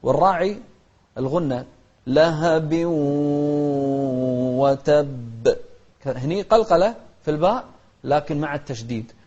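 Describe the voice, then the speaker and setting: A man teaching Quranic recitation to children, modeling each verse slowly, correcting mistakes and repeating. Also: on the high side, animated, darkish tone. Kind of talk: tajweed lesson with modeled recitation. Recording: dull lo-fi recording.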